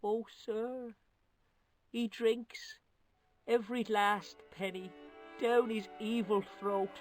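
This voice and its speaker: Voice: medium pitch, little pitch movement, slow, soft background music, natural voice. An actor voicing a cheeky, scrappy Irish street boy in a video game, boastful and tough-talking, with an Irish accent. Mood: theatrical. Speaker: game character.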